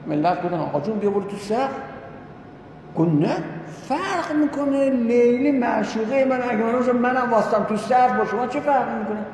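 A man preaching a sermon, telling a religious story in an animated way and voicing the people in it. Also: very high-pitched. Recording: echoey hall with long reverb, faint noise.

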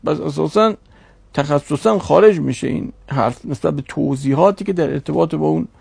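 A man's voice: on the high side, creaky, darkish tone, husky, no room sound. A man teaching a religious studies class, reasoning aloud and posing rhetorical questions to his students.

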